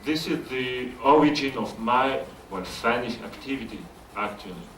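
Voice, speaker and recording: A man from Switzerland speaking on a convention panel in short, hesitant phrases with many fillers, pausing for an interpreter. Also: mid-range voice, fairly bright tone. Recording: echoey hall, distant mic, faint noise.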